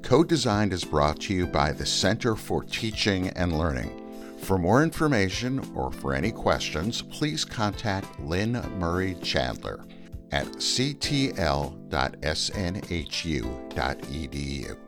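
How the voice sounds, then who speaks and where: A sixty-year-old man hosting a campus podcast, his voice sitting low and deep. His delivery swings widely in pitch, and he teases his guests in a playful way. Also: very animated, measured pace, music in the background. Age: 60s. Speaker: podcast host. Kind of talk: podcast interview with a scripted intro.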